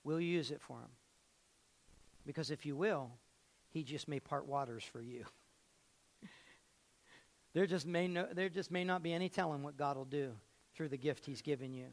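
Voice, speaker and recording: High-voiced emphatic preaching man. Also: moderate pace, long pauses. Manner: emphatic, repeats phrases, joking asides. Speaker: pastor. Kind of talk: sermon. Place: church sanctuary.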